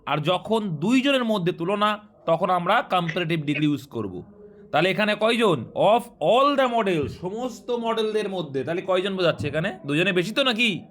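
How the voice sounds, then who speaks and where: A man. He explains each rule patiently, then checks understanding with quick questions to the class. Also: high-pitched, animated, fairly bright tone. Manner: explains step by step and quizzes students. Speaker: teacher. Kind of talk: grammar lesson.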